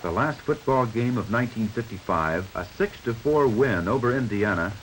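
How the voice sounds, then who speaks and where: An American man reads scripted narration for a 1950s newsreel, with background music behind him on the soundtrack and some background noise. His mid-range voice moves with lively intonation at a moderate pace.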